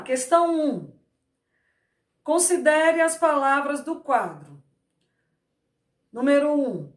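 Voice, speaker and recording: Slow, high-voiced woman teacher in an echoey room. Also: fairly bright tone. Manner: slow, stresses syllables by repeating words. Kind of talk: Portuguese grammar lesson.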